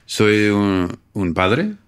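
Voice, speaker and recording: A middle-aged man from Minnesota, United States, whose first language is English, earnestly answers interview questions in Spanish with an American accent, searching for words. He works in homeless outreach and speaks very slowly in a lowish, expressive, clear and resonant voice.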